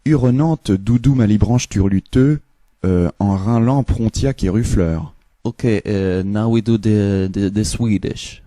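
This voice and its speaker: A man's voice: fairly low pitch, a little slow, mellow, no echo. A man speaking made-up gibberish that imitates the sound of foreign languages, in changing mimicked accents.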